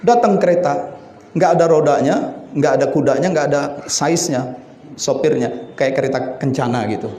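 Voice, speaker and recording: A middle-aged man preaching a sermon, telling a personal story and swinging between hushed and excited delivery. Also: high voice. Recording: echoey room with faint ambience.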